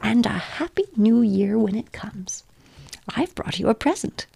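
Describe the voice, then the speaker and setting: A woman's voice: a little high, expressive, a little slow, creaky, mellow, slightly rough, heavily acted. A woman voicing a small, kindly male elf with a dry little voice, in a whispered role-play. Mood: cheerful.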